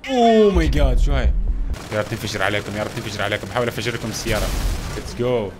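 A young man giving excitable gameplay commentary, talking straight to his viewers. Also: on the low side, over music. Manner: fast, excitable, talks to viewers as "guys". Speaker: gaming YouTuber.

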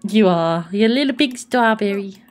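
A woman's voice: mid-range voice, expressive, normal speed, faint music behind. A woman streaming a life-simulation game, chatting casually and gushing thanks to her viewers. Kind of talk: casual gameplay live stream chat.

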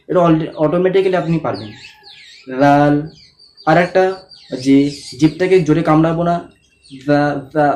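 A man's voice: a little high, darkish tone. A man teaching how to pronounce letters, patiently drawing out each sound and asking learners to repeat after him. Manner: asks the viewer to follow along and checks understanding. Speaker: Quran reading teacher. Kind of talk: step-by-step recitation lesson.

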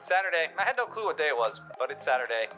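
Man, thirties, fast and bright, explains things with dry humor, selfie camera outdoors, faint music. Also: fairly high pitch, sing-song. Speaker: travel vlogger. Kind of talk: casual vlog narration. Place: outdoors on a sunny island street. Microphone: handheld camera at arm's length.

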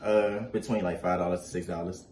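A man's voice: low-pitched, level tone, fairly quick. A man hosting a casual snack taste test, laid-back and swearing freely. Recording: echoey room with noise.

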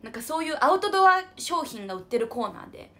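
Young female streamer, bubbly casual chat, bright animated delivery. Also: high voice, fast. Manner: bubbly, refers to herself with an unusual cutesy pronoun. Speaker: livestream idol host. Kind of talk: casual livestream chat reading comments.

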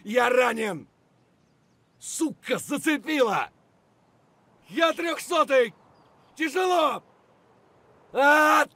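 In a military shooter game, an actor voices an aggressive, foul-mouthed Russian soldier who barks urgent, coarse shouts, sounding wounded and agitated. The male voice is extremely high-pitched and heavily acted, with no room sound.

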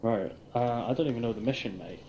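A man's voice: mid-range voice, fast, highs cut off, noisy background. A man planning a squad move over gaming voice chat, thinking aloud in a hesitant, methodical way. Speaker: teammate planning the assault.

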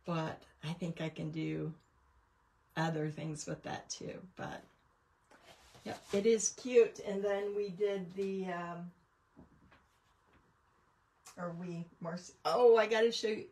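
On a low-quality recording, a woman with a lowish, darkish voice speaks slowly and pauses often. She's hosting a craft livestream from an indoor craft table, chatting loosely as she shows off her paintings.

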